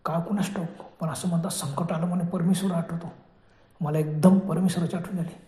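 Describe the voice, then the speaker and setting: A man's voice: fairly high pitch, steady tone, fairly quick, warm tone, echoey room. A man telling a first-person horror story in a dramatic, breathless way.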